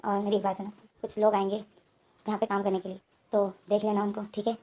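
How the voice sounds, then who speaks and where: A woman's voice: medium pitch, completely flat delivery, a little fast, dark tone, natural voice. A woman voicing a stern middle-aged uncle who scolds and gives orders. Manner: scolding, commanding. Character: gruff stern older uncle.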